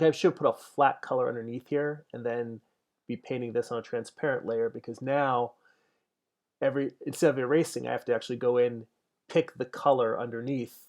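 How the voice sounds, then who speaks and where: Gravelly-voiced man in his forties. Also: medium pitch, steady tone, moderate pace, a little mellow. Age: 40s. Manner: thinks aloud, chatty, answers viewer comments. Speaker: digital painter streaming his work. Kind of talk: casual livestream talk while painting.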